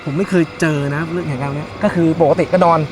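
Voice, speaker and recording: A man's voice: fairly high pitch, fairly even intonation, very fast. A man recounting his own ghost experience in casual speech, often repeating words and phrases for emphasis. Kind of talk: casual spoken ghost storytelling. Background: music under the talk.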